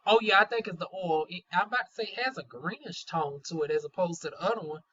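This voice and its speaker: A woman's voice: fairly low pitch, fast talker, a bit bright, slightly rough. A woman with a Southern US accent and trouble pronouncing her Rs gives a casual, folksy product review, chatty and candid with playful slang. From North Carolina, US South. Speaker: beauty vlogger, aesthetician. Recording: dull, lo-fi sound.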